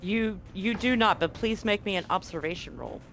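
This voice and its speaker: Over background music, a tabletop RPG game master narrates at a normal speed in a medium-pitched, fairly bright voice. The style is conversational, setting scenes and prompting players for their actions.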